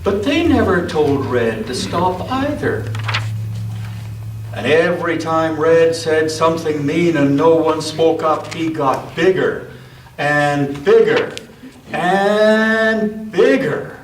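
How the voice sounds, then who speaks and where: A man with a higher, expressive voice reads a children's story to an all-ages church group, using dramatic pauses and deliberate emphasis. Now and then he breaks off for casual asides with his listeners. The indoor church recording is echoey, with a distant mic and faint noise.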